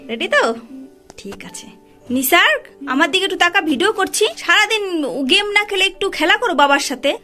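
A woman vlogger chatting casually to her viewers from her family home, lively and direct. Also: very high-pitched, normal speed, faint music behind. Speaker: vlogger and mother.

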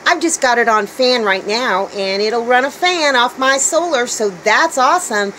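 A woman's voice: a little high, moderate pace, pushed and bright, slight background noise, low-quality recording. A middle-aged woman talking casually to a handheld phone camera in her tiny house, chatty and upbeat, thinking aloud. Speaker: homesteading vlogger. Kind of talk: casual vlog narration. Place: small tiny house, indoors, and garden outdoors.

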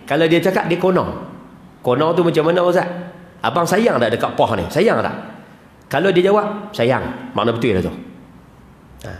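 Folksy man in echoing hall. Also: a little high. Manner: folksy, playful, repeats words for emphasis. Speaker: religious teacher. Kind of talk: mosque lecture. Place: large prayer hall. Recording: echoey hall with long reverb.

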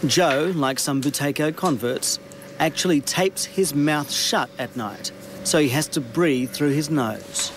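New Zealand male reporter, higher-pitched voice, measured news read, light hiss behind. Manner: measured, scripted delivery.

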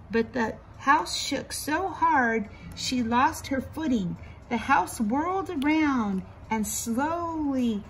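A woman's voice: a little high, slight background noise, poor audio. A woman reading a children's storybook aloud, lifting her voice a little for quoted lines and sometimes stumbling and restarting a word. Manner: reads quotes with small lifts, a few slips and restarts. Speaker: reader.

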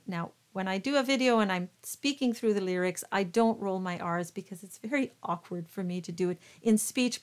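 A woman with a voice of middle pitch, coaching choir singers through the words of a song. She explains each sound clearly and methodically, step by step. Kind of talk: coaching walkthrough.

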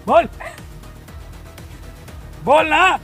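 A young man plays a stern bystander who takes charge of a street quarrel. He barks short commands again and again in a very high voice, with faint music underneath. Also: lively intonation, extremely slow, pushed and bright, full character voice. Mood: interrogating. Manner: commanding, repeats curt orders. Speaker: actor in a staged vlog skit. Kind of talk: staged street drama.

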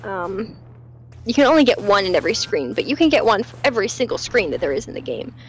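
A woman's voice: mid-range voice, sing-song, fast talker, slight background noise. A woman hosting a let's play, chatting in a rambling way with lots of fillers and restarts. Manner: rambling, with many fillers and self-corrections. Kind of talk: casual game commentary.

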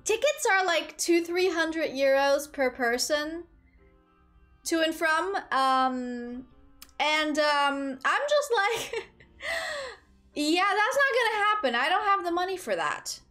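Her voice is very high, very animated and sharp, yet she speaks slowly, with faint music behind. The young woman, from Portugal, streams on a headset from a small room at a desk, giggling and rambling in casual chat with her live chat.

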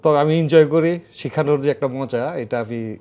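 A man in his sixties, a chef and cooking instructor, explaining a recipe in halting speech with frequent restarts. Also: on the high side, warm tone. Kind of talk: cooking demonstration.

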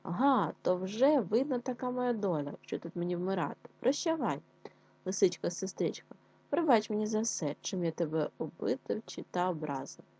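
A woman's voice: medium pitch, expressive, moderate pace, mellow, breathy edge. A woman voicing a timid, kind little hedgehog in a children's tale. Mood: despairing.

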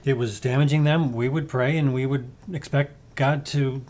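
A man's voice: medium pitch, fairly even intonation, normal speed, a little mellow. A man hosting a podcast, giving casual, explanatory commentary. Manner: conversational, explanatory. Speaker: podcast host.

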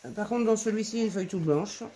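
A woman's voice: mid-range voice, fast talker, warm tone, a little hiss or hum. Gushing woman showing off scrapbook papers. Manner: enthusiastic, gushing over papers with many fillers; addresses viewers affectionately. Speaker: scrapbooking vlogger. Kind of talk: casual product haul show-and-tell.

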